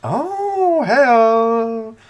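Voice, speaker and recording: A man's voice: very high-pitched, lively intonation, drawn-out words. A man hosting a podcast in casual chat, teasing and swearing a lot. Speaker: podcast host.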